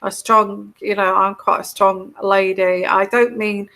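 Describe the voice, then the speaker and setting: A woman's voice: medium pitch, flat delivery, measured pace, bright, forceful tone. An English woman hosting a casual live-stream chat as a tarot reader, talking in a rambling, reflective way, run down and tired. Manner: rambling, reflective, often trailing off.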